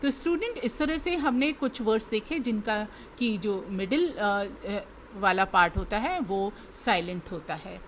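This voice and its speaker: A woman's voice: mid-range voice, expressive, measured pace, slight background noise. An Indian woman teaching English to students, spelling words letter by letter and repeating each one. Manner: addresses students directly. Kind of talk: classroom lesson spelling words aloud.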